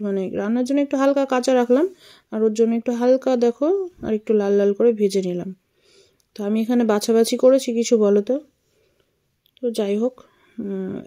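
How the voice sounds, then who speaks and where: A woman's voice: medium pitch, warm tone. A woman, chatting casually in a home kitchen as she cooks. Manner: chatty, homely, talks while cooking. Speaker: vlogger. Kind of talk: casual cooking vlog chat.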